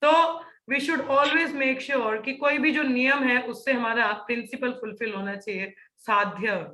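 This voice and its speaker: A woman's voice: fairly high pitch, fairly even intonation, unhurried, bright, forceful tone, roomy sound, rough recording. A woman teaching a scripture class, mixing Hindi and English and checking in with her students again and again. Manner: explanatory, many "ठीक है" check-ins.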